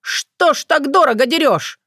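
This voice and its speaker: A woman's voice: mid-range voice, animated, unhurried, dry recording, clean studio sound, natural voice. A woman doing a blustering, stingy old tsar. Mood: outraged. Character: petty fussy old male tsar.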